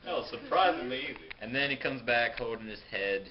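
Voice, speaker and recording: A young man with a lively, mid-range voice recounts a silly student skit fairly quickly, goofy, sarcastic and full of slang, using put-on voices. The dull lo-fi home video carries faint noise and a crowd in the background.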